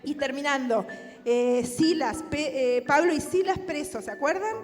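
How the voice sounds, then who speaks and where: A woman's voice: sits high, unhurried. A woman preacher with a Rioplatense Spanish accent gives a sermon and closing prayer, often asking the congregation rhetorical questions. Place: church hall. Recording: reverberant church hall with music.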